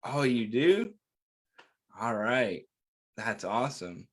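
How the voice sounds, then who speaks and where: With a medium-pitched voice that has a breathy edge, a man reads a picture book aloud at children's storytime, very animated and taking it slowly. He speaks right to the young listeners, asking simple, encouraging questions and answering them.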